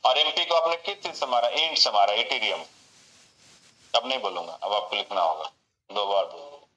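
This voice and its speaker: A man's voice: lowish voice, normal speed, sharp tone, roomy sound, poor audio. A man teaching an online class, running call-and-response memory tricks and repeating each cue. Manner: repetitive, call-and-response mnemonics. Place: home room.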